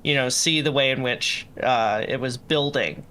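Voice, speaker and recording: A man's voice: mid-range voice, a little slow, bright, forceful tone. A man in the cast chatting over an online call in a playful, rambling way. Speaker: voice actor in the cast. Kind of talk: casual chat. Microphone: online voice chat.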